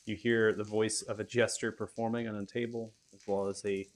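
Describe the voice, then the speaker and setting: A man's voice: fairly low pitch, little pitch movement, brisk. A man narrating a tabletop role-playing game as its game master.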